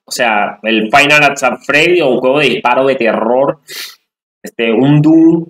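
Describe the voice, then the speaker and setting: A man's voice: medium pitch, a little slow, fairly bright tone. A man streaming a casual reaction commentary, interjecting in crude slang.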